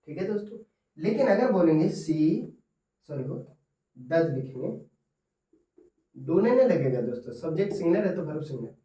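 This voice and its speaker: A man teaching English grammar in Hindi, repeating each example slowly and often calling his viewers friends. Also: fairly high pitch, very animated, dark tone, recorded from a distance. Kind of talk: Hindi-medium grammar lesson. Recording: echoey room, voice from off-mic.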